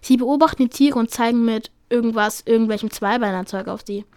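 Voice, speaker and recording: An earnest young she-cat apprentice who insists she is right, read out by a woman in a storybook reading. The voice sits a little high, close and dry, with small slips in the reading. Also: brisk, darkish tone, smooth, no room sound, natural voice. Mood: insistent.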